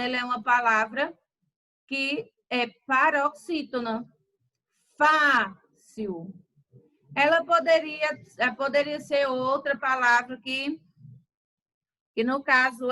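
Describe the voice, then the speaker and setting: A woman teacher, slowly dictating words in a grammar lesson. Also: high-pitched, pushed and bright, low-quality recording. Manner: slow, deliberate word-by-word dictation.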